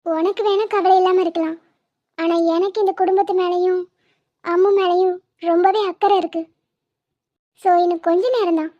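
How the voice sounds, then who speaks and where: A woman voicing a gentle young woman in a cartoon drama, talking in a soft, restrained way. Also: extremely high pitch, level tone, normal speed, long pauses. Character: gentle young woman hiding her love. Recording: dull lo-fi.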